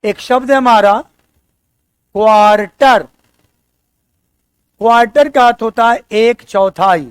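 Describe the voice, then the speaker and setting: A man teaching an exam-prep English lesson. His voice is high and smooth, and he takes his time, repeating each key word and quizzing his students. The sound is close and dry. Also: takes it slowly, no room sound.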